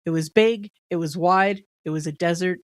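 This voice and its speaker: A woman co-hosting a podcast, reading prepared notes in a steady, matter-of-fact way with dry asides. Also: lowish voice, normal speed, dry recording. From Canada. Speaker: podcast co-host presenting the topic.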